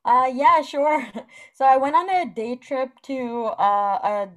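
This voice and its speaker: A young adult woman speaks in a somewhat high voice. Her delivery is casual, conversational and very colloquial, peppered with "like", as a co-host chatting with a friend. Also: animated, slow, a bit bright. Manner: colloquial, giggly, heavy use of "like". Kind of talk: casual chat.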